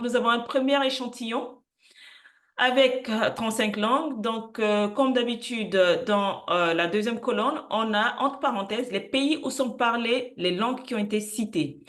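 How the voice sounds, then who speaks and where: Measured woman explaining word roots. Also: on the high side, fairly bright tone. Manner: careful, listing words slowly with frequent hesitations; unsure of pronunciation in languages she does not speak. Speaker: channel host presenting word roots. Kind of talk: educational explainer.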